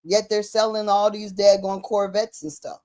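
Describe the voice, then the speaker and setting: A woman's voice: medium pitch, flat delivery, moderate pace, darkish tone. A woman talking casually and emphatically, using slang and repeating phrases to drive her points home. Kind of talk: casual conversational commentary.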